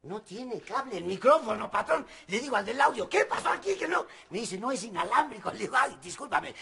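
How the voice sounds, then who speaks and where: A chatty cheerful servant. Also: male voice, very high-pitched, brisk, vocal fry, breathy edge, full character voice. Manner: rambling, animated storytelling. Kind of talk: telenovela acting.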